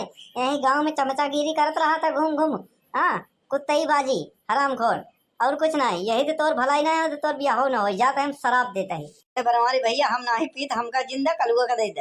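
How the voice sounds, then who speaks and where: A high-pitched woman speaking in a thick Awadhi accent. She rattles through village cartoon comedy with brash, teasing banter and sharp scolding. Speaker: cartoon voice performer. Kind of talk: rustic cartoon comedy dialogue.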